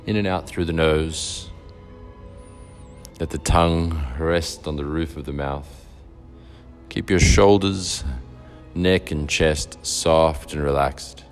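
A man leading a guided meditation in a slow, soft and soothing way. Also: extremely low pitch, steady tone. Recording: faint music behind.

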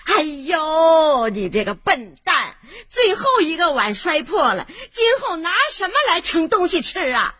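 Storybook mum, shrill and quick to scold, high and lively, voiced by a woman. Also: full character voice. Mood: angry. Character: hot-tempered shrill mother.

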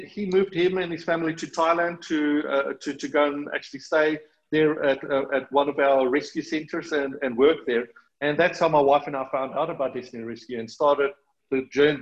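A man's voice: fairly high pitch, lo-fi sound. Earnest South African man, lots of restarts. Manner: warm, earnest, many restarts and fillers. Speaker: charity partnership manager, guest. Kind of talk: conversational interview.

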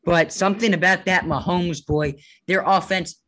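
A man's voice: sits high, fairly even intonation, normal speed, a bit bright. A man co-hosting a casual sports podcast, joking around, making puns and teasing his co-host. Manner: playful, jokey, punning, teasing.

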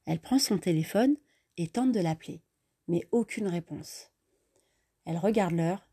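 A woman narrating a story in a steady, plain manner. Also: fairly low pitch, moderate pace, breathy edge.

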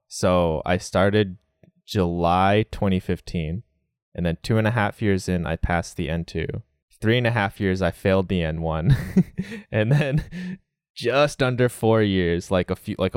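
A young man in a casual interview, talking about learning Japanese, relaxed, often laughing and saying "like". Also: low voice, clear, resonant tone, dry recording, studio quality.

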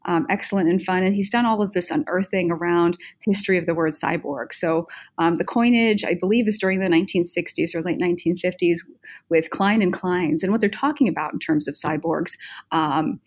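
Hesitant, slightly low-voiced woman academic. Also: brisk, darkish tone. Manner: hesitant, searching for words. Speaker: panelist. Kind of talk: academic conversational explanation.

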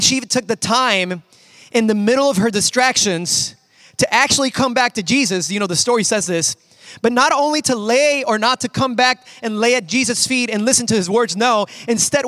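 Male pastor, sermon, higher voice, animated storyteller acting out characters, dry close sound. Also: no room sound. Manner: animated storytelling, acts out voices, laughs at himself.

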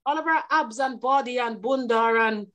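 A woman's voice: on the high side, moderate pace, a bit bright. A woman, thinking aloud in emphatic, slangy casual chat.

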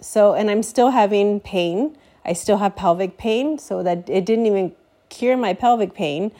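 A woman's voice: mid-range voice, measured pace, mellow. A congested woman podcaster giving a candid, rambling personal update at home, with frequent fillers and restarts.

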